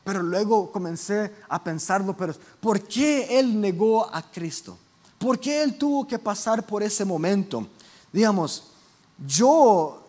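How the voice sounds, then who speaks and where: A man's voice: sits high, a little mellow. A young man preaching a sermon in a conversational way, asking the audience questions and acting out quoted voices. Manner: conversational, asks the audience questions, many fillers.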